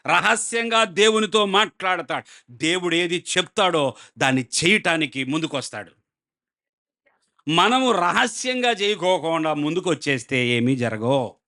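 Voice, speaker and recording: A male pastor with a Telugu accent delivers a sermon in a slightly higher than usual voice. He works dramatically, acting out the voices of the people he talks about and throwing questions at the congregation. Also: bright, forceful tone.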